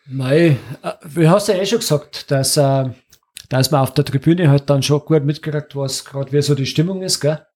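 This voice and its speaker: A man, co-hosting a casual chat, rambling quickly. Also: on the high side, darkish tone. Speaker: podcast co-host.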